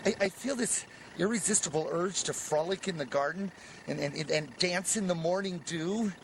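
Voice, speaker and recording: A man's voice: sits high, moderate pace, vocal fry, a little hiss or hum. A man delivering a comic confessional monologue, stammering and repeating words in frantic, self-mocking bursts.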